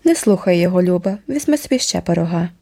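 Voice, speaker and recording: A woman reading an audiobook and voicing a calm, good-natured aunt who mothers a big, unruly family. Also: fairly low pitch, quick pace, gravelly. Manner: calm and easygoing.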